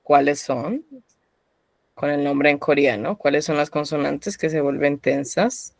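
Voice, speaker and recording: A woman leads a live online language lesson in a low, unhurried voice. She calls on students by name and corrects them patiently. Her voice sounds dry and close, with no room echo. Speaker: Korean teacher.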